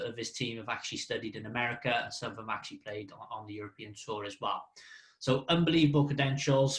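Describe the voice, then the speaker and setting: A man presents a Q&A session as its host in an informal, slightly halting way. His voice sits at a medium pitch and comes with noticeable room echo. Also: fairly bright tone. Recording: echoey room sound.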